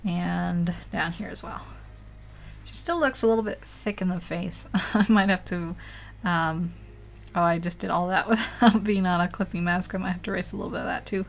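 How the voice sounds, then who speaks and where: A woman's voice: on the low side, fairly even intonation, moderate pace, gravelly. A woman chatting casually while she paints live on a tablet, laughing often and rambling with lots of fillers. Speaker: digital painting livestreamer.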